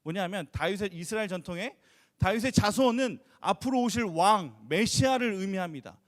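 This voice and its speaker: Guy with a fairly high voice giving a youth sermon at church, tells the story and asks the kids questions. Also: animated, moderate pace. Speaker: youth pastor.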